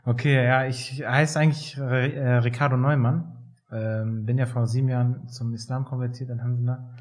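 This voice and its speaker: A man in his thirties from Germany, a physiotherapist talking as a podcast guest in a relaxed way, with many fillers and hesitations. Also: medium pitch, moderate pace. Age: 30s. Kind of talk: casual interview talk.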